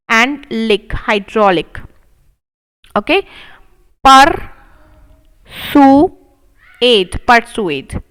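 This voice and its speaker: A high-voiced woman reads English words one by one, in a clear, smooth voice. Her pace is slow and careful, as she drills spelling and explains each rule like a teacher. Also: fairly bright tone, low-quality recording. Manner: slow word-by-word drilling, mixing Hindi and English. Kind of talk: spoken reading lesson.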